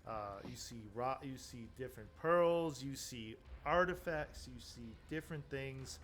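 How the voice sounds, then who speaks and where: A man narrating as game master, casual and halting, often searching for words. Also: mid-range voice, a bit bright.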